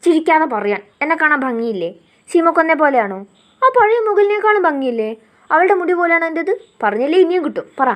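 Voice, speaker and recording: A woman's voice: a little high, expressive, brisk, long pauses, natural voice. A woman reading a story aloud, voicing a young woman who is fiery and playful, insistent with a sulky edge. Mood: playfully demanding. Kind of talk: storybook narration.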